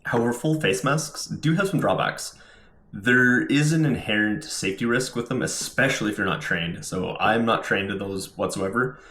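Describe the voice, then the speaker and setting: A lower-voiced man talks through a gear demonstration in an informal, explanatory way. He sounds like a hobbyist presenting to viewers. The recording is roomy, with clear indoor echo. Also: normal speed, a bit bright. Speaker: scuba diver reviewing gear. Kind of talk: casual product demonstration. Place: indoors at home.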